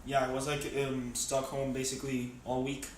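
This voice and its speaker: A Venezuelan teen boy, interviewed casually, speaks haltingly with many fillers and restarts in a flat, monotone voice of mid pitch for a young man. He is some distance from the mic in a very echoey room, and a faint hiss or hum can be heard.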